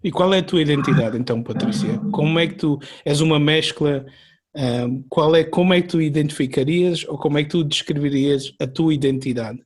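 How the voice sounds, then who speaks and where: A man's voice: a little high, brisk, a little mellow. A man hosting a podcast interview, asking questions in a conversational tone with a few hesitations. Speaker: podcast host.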